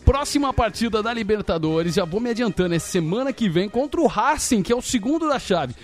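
A Brazilian man hosting a casual football talk show, excitable and often repeating himself. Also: high voice, a little fast, faint music behind. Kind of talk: casual sports banter.

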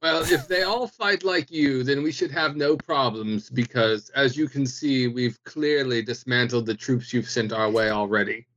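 A man's voice: medium pitch, moderate pace, few pauses, a bit bright, highs cut off. A man talking casually as a player in a tabletop game, asking questions and speaking for his character.

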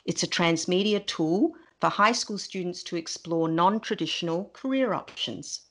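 A woman's voice: on the low side, moderate pace, fairly bright tone. A woman speaks as a podcast host, introducing and interviewing a guest.

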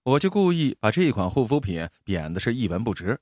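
A man narrating a first-person story in an expressive, storytelling manner. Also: medium pitch, brisk, dry recording, clean studio sound.

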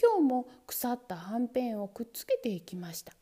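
A woman narrating a children's story in an expressive, animated way. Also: on the high side, fairly quick. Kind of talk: storybook reading.

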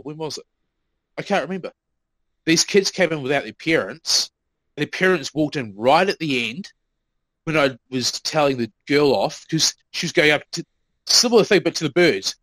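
On a podcast he co-hosts, a man swaps work stories in casual chat, cursing freely and acting out what people told him. His voice sits on the high side and is a bit bright, captured dry but in low quality.

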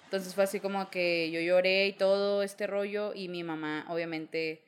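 A woman's voice: on the low side, steady tone, moderate pace, clear, resonant tone. A young woman with a Mexican Spanish accent, co-hosting a casual chat and telling candid, slangy stories about her family.

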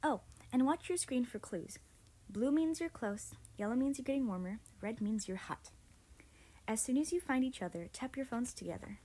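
A woman reading aloud gives voice to an excited teenage girl rounding up her friends for a game. She sounds a little high and mellow, quick and bossy with barely held-in glee. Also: natural voice. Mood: eager.

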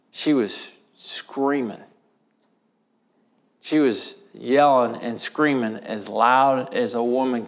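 Folksy Missouri preacher telling a story. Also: male voice, medium pitch, vocal fry. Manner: folksy, vivid storytelling with rural idioms. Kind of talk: storytelling sermon.

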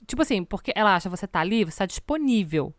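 A woman's voice: medium pitch, sing-song, racing, no echo, clean studio sound. A woman chatting casually about home life, talking in long loose runs with lots of filler words. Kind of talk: casual chat. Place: home in Canada.

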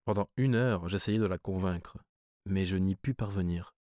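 Brief: low male audiobook narrator, measured and steady, dry close mic. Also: no echo. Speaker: audiobook reader. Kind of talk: scripted narration of a classic story.

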